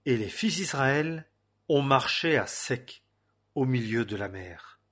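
A man giving a scripted biblical narration, reading in a measured, solemn way with long pauses. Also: mid-range voice, expressive, a bit bright, breathy edge. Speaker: scripture reader.

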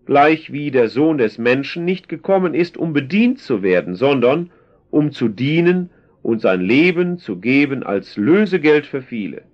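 A calm, authoritative male teacher, read aloud by a man addresses his followers in slow, solemn tones. The manner is measured and gently commanding, and the recording is dull and lo-fi. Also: mid-range voice.

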